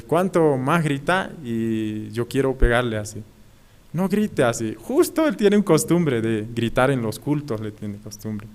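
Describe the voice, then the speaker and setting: A man preaching as an evangelist at an online prayer service, speaking haltingly, repeating phrases and often asking his listeners to agree. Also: mid-range voice, clean tone.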